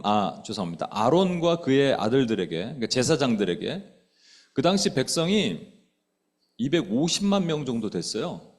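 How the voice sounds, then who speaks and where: A middle-aged male pastor giving a conversational sermon, asking the congregation questions and acting out quoted speech with sudden loud outbursts. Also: on the high side. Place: church sanctuary.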